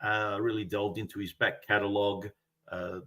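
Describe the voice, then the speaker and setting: A middle-aged man chatting as a panellist and music fan, pausing hesitantly in the middle of phrases. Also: lowish voice, flat delivery, sharp tone. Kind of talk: casual chat.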